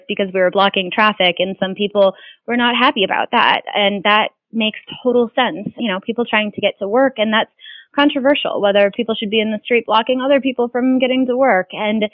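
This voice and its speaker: A woman answers interview questions in an earnest, rambling way, restarting her sentences often. Her voice sits at a middle pitch. It comes through a tinny, phone-like line with a dry sound. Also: dry recording. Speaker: climate activist being interviewed.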